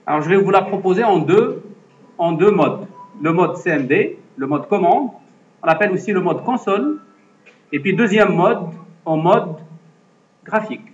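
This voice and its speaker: A man's voice: high-pitched, animated, normal speed, pauses often. A man teaching a computer lesson to a class, explaining step by step and often checking that students follow. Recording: echoey classroom, dull lo-fi sound.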